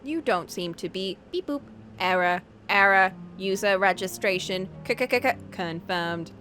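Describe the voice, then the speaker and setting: A woman's voice: mid-range voice, measured pace, sharp tone, soft background music. A woman imitating a glitching robot greeter, stuttering out mechanical error messages while chatting over a game. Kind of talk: playful commentary while gaming.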